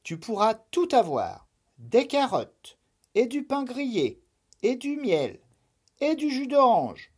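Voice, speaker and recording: A woman's voice: fairly high pitch, sing-song, takes it slowly, slightly rough, voice pushed up, exaggerated voice. A woman playing the coaxing Night. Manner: coaxing, pleading, soft. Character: gentle, patient, mysterious female Night spirit.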